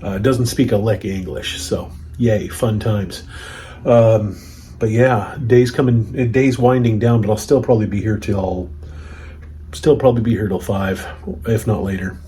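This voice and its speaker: An American man chatting casually to a vlog in a halting, rambling, wry way. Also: lowish voice, fairly even intonation, warm tone, a little hiss or hum. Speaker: farm vlogger. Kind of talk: casual, unscripted vlog chat. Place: farm office, indoors.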